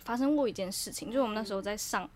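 A young woman, co-hosting a podcast in casual chat and telling a ghost story, sometimes dropping to a hushed voice. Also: mid-range voice, rapid-fire. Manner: lively storyteller, drops to a hushed voice for spooky parts. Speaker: podcast co-host.

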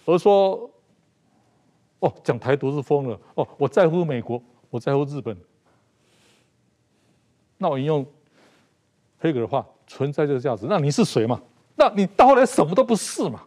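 A man's voice: a little high, sing-song, moderate pace, long pauses, a little mellow. A middle-aged man from Taiwan with a Taiwanese Mandarin accent, a talk show guest making emphatic political commentary and repeating phrases for stress. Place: TV studio.

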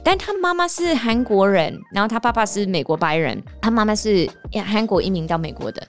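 A woman from the United States, a native English speaker, hosting a casual podcast monologue, telling stories in an animated way and laughing often. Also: mid-range voice, fairly quick, faint music behind. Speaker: podcast host; teacher and performer.

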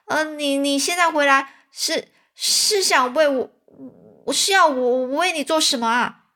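A woman voicing a nervous young boy in a storybook reading, stammering and excitable. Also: high voice, unhurried, pitched above the performer's own voice. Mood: scared.

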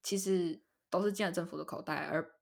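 A woman's voice: on the low side, fairly quick, gravelly. A young woman co-hosting a podcast, telling a story in casual chat and acting out the lines of the people in it. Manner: animated, acts out quoted dialogue. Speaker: podcast co-host.

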